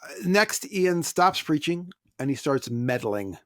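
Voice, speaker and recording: A man's voice: a little high, expressive, measured pace, fairly bright tone, no room sound, clean studio sound. An American man co-hosting a podcast, reading listener emails aloud and adding wry asides in casual chat. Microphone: close podcast microphone.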